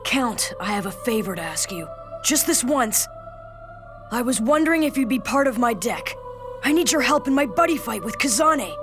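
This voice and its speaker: A woman voicing a spirited, earnest and determined young boy card fighter in an animated series. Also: on the high side, moderate pace, over music, lightly acted.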